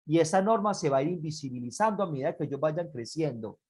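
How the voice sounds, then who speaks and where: Brief: earnest church teacher giving a parenting lesson, pleading tone, repeats points, slows to stress words. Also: medium pitch, animated, darkish tone, slightly rough.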